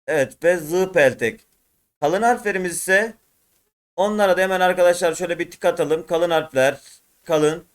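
A man with a high voice gives a patient online reading lesson. He explains as he draws on the screen, repeats each point and calls out single vowel sounds one after another for the viewers to copy. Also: moderate pace. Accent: Turkish. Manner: repetitive, drills single sounds aloud and calls viewers friends. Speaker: Quran reading teacher.

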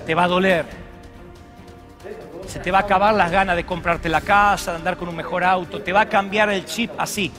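A middle-aged man preaching a sermon as pastor, swinging from loud shouts to hushed tones. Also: high-pitched, steady tone, brisk, over music. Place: large church auditorium.

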